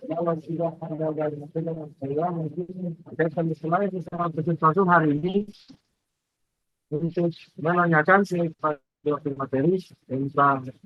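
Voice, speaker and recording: A man's voice: a little high, no echo, narrow, tinny audio. A man moderating a webinar in a polite, formal way, his video-call audio breaking up and cutting out. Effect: choppy video-call audio breaking up.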